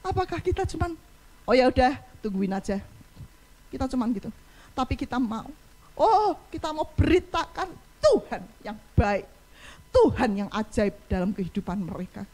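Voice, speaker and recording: A woman's voice: high voice, big pitch swings, moderate pace, a little mellow. A woman pastor preaching a passionate sermon in church, acting out pleading cries for help. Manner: impassioned, acts out cries for help.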